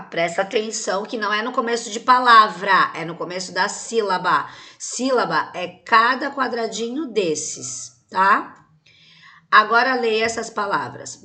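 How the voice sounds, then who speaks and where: A woman with a Brazilian Portuguese accent, teaching young schoolchildren in a recorded video lesson. She explains patiently and step by step, asking questions and checking in with the children. Her tone is gentle and fond, and she uses diminutives. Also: medium pitch.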